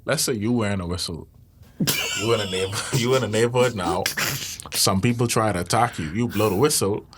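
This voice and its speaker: A man co-hosting a casual podcast, calmly reading news items and giving his view. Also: lowish voice, fairly quick, noisy background. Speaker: podcast co-host.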